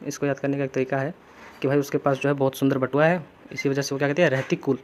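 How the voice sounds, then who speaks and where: A man's voice: mid-range voice, little pitch movement, fast talker, slight background noise. A young man teaching English vocabulary in casual Hindi mixed with English, chatty and telling little stories as memory tricks.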